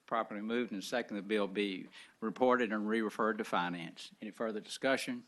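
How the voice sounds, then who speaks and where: A man's voice: fairly low pitch, a little fast, a bit bright. A man chairing a legislative committee hearing, running votes and motions in a procedural, matter-of-fact way.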